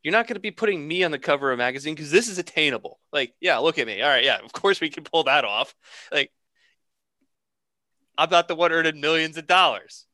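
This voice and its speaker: A man's voice: a little high, lively intonation, fast talker, bright, forceful tone, no room sound, clean studio sound. A man co-hosting a podcast from a bedroom, chatting casually with a self-deprecating manner. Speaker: podcast co-host. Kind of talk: casual chat.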